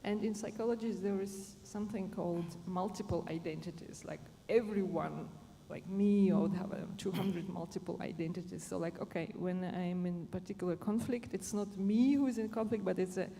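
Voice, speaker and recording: A mellow, somewhat low-pitched German woman with a steady, gravelly tone talks unscripted on a conference stage in a large, echoey hall, explaining positive psychology as a panel speaker. She halts and searches for words, and faint background noise is audible.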